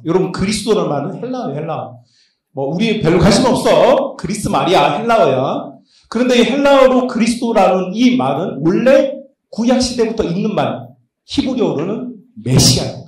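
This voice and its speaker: A high-voiced man preaches with bounce and humor, firing questions at the crowd and pacing the stage. His voice rings through a large, very echoey church hall, picked up from a distance as he roams. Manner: animated, joking, quizzing the congregation; moves around while preaching. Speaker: pastor. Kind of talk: lively sermon at a youth retreat.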